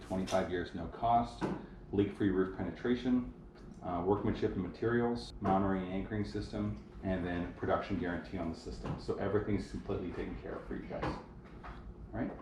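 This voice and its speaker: An upbeat, chatty man in his thirties walks homeowners through paperwork in a living room, his voice sitting on the low side. He is recorded from across an echoey room with a fair amount of background noise. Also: fairly even intonation. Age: 30s. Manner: upbeat, chatty, rattles off terms quickly. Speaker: solar salesman. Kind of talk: in-home sales appointment. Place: indoors in a home living room. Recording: echoey room, distant mic, noisy.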